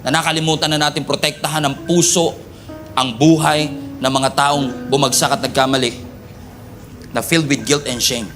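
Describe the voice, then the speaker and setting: Animated Filipino pastor preaching. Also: male voice, a little high, moderate pace. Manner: animated, joking, acts out quotes. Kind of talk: sermon.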